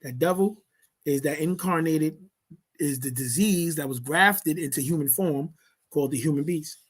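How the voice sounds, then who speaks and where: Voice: mid-range voice, husky. A reader leading a study session, reading passages aloud and then explaining them in casual speech. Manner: slow, deliberate delivery. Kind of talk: reading a text aloud with commentary.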